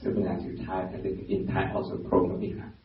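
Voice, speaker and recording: Burmese-accented monk in an echoey hall. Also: male voice, sits low, monotone, a little hiss or hum. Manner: halting, searching for words with many restarts. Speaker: Buddhist monk teaching. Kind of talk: dharma talk to a lay audience. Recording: very echoey hall, distant mic, dull lo-fi sound.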